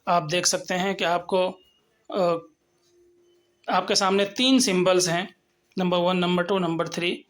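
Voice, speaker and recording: A man teaching English pronunciation, explaining step by step and slowly sounding out example words. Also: high voice, flat delivery, fairly bright tone. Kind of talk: lecture on phonetics.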